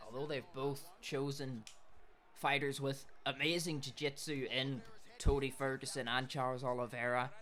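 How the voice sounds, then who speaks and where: A man giving play-by-play commentary on a video game fight, shouting at big hits and losing his voice from all the shouting. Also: mid-range voice, flat delivery, moderate pace.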